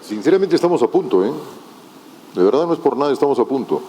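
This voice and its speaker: A man's voice: medium pitch, sing-song, fast talker, warm tone, a little hiss or hum. A man speaking as a logistics panelist at a conference, earnest and emphatic. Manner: earnest, emphatic, uses diminutives.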